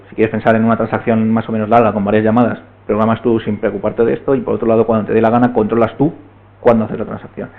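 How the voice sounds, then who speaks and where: Gravelly man explaining code, tinny recording. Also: on the low side. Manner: explanatory, often checks in with the room. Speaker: meetup speaker. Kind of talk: technical talk to an audience.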